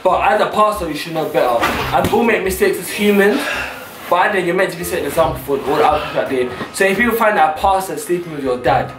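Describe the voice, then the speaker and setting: A man's voice: sits high, fast, background noise. A young man chatting casually and emphatically, repeating his points, in a bedroom. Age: young adult. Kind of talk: casual chat. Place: small bedroom, indoors. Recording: echoey room, distant mic, music.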